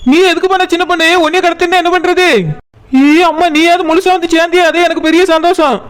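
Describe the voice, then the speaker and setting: A woman doing a fast-talking fussy village woman. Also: extremely high pitch, little pitch movement. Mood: fussing. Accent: Kanyakumari Tamil. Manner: quick, fussing, exclaiming. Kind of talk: cartoon voice acting. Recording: background hiss.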